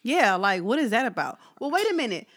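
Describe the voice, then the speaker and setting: A woman with a bright, forward voice on a casual podcast. She mostly backs up her co-host with short replies and laughs along. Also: on the high side, very animated, fairly quick. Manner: agreeable, short reactions, laughs. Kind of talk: casual chat.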